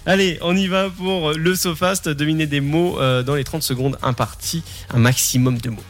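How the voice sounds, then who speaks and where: A man's voice: a little high, fairly even intonation, normal speed, soft background music. A man hosting a casual game show, teasing and joking with plenty of laughter. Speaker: host.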